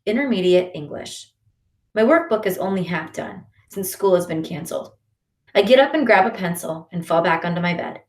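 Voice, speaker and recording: A woman narrating a first-person children's novel in an expressive reading voice. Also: fairly low pitch, moderate pace. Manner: expressive, shifting into character voices. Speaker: audiobook narrator. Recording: roomy echo.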